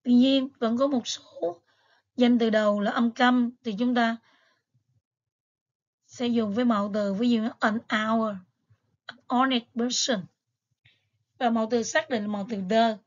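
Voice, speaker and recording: A woman's voice: a little high, fairly even intonation, unhurried, pauses often, muffled recording. A woman teacher, patiently going over exam material step by step with frequent fillers. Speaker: English teacher. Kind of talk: exam review lesson.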